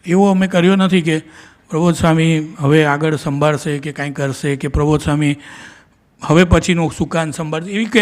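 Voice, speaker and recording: Middle-aged guy telling his memories at a spiritual gathering, slightly high voice, keeps restarting lines. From India. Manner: earnest storytelling with quoted dialogue and frequent restarts. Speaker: devotee giving a talk. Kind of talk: personal spiritual testimony.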